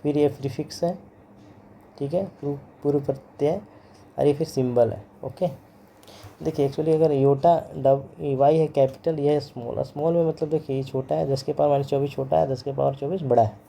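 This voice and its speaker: A male physics teacher gives a lecture in a very dark, mellow voice, saying terms again and again so students catch the sounds. He switches into English words now and then. Faint ambient noise sits under the recording. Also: on the high side, fairly even intonation, creaky. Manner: repeats terms slowly, drilling pronunciation; mixes English terms into Hindi. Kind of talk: classroom lecture.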